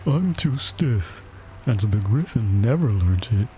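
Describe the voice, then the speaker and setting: A man voicing a mournful, self-pitying, touchy old turtle from a storybook, with drawn-out, sighing delivery. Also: on the low side, expressive, warm tone, slight background noise. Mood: sighing, sorrowful. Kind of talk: storybook character voice.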